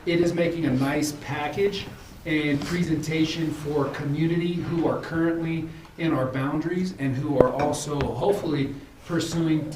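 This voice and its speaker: A man, a high school principal who is losing his voice, presents at a school committee meeting in a halting way, full of fillers and restarts. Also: fairly even intonation, noisy background. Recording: echoey room from far off.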